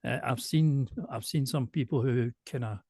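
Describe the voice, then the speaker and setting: Glaswegian man, softened accent, slow and deliberate delivery, dry close recording, mid pitch. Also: breathy edge, no echo. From Glasgow, Scotland. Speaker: show presenter and singer, interviewee. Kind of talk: casual conversational interview.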